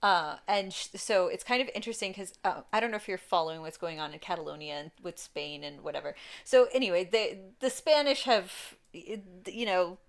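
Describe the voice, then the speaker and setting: A woman's voice: fairly low pitch, animated, normal speed, vocal fry. A young adult woman co-hosting a podcast, chatting and telling a story in a rambling way, full of fillers and laughs. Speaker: podcast co-host. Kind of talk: casual chat, storytelling.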